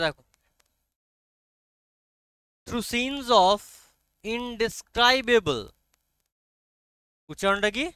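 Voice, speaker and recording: A man's voice: on the high side, bright, forceful tone, clean tone, dry recording. A man teaching an online class with a Bengali accent, explaining an English text line by line and often checking whether students follow. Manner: coaxing, repeatedly checks understanding, reads English lines very slowly.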